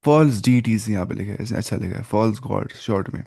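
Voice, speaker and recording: A man teaching a Quran lesson in Urdu, explaining word meanings step by step, asking and answering his own questions, slipping in English words and reciting Arabic phrases slowly. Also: fairly low pitch, vocal fry, warm tone.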